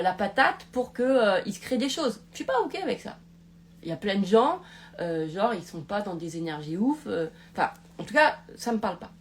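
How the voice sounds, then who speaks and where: A woman's voice: mid-range voice, a little mellow, slight background noise. A woman hosting a live talk, rambling with many restarts and checking in with "d'accord?". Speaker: podcast host. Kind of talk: casual live-stream talk.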